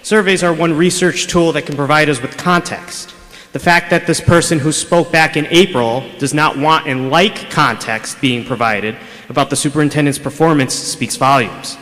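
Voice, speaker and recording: At a school board meeting in a reverberant city chamber, a man with a slightly high, fairly bright voice delivers a pointed, combative public comment at normal speed. He speaks into a podium microphone, and the audio comes through the public address system.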